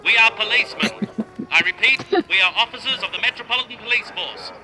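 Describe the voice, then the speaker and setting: An actor playing a stern police officer who calls out formal, repeated surrender orders through a megaphone in an old TV cop show clip. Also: male voice, high voice, quick pace, rough recording. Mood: commanding. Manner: loud, formal commands that repeat themselves.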